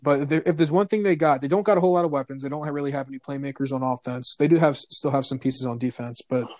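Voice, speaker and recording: A man's voice: mid-range voice, steady tone, quick pace, a little mellow, no echo. A man talking as a guest on a casual sports podcast, rambling and often restarting his sentences. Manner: rambling, hesitant, repeats words.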